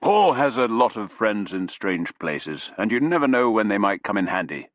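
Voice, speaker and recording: A man's voice: on the low side, big pitch swings, moderate pace, no echo. A man doing a brusque senior officer.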